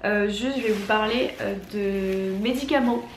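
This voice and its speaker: A woman's voice: mid-range voice, unhurried. Honking, congested young Frenchwoman, echoey room. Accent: French from France. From France. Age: young adult. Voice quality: honking, duck-like nasal voice from congestion. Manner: informal, filler-heavy, emphatic. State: congested, sick with a cold. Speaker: beauty vlogger. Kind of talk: casual chatty product haul. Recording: echoey room, faint background noise.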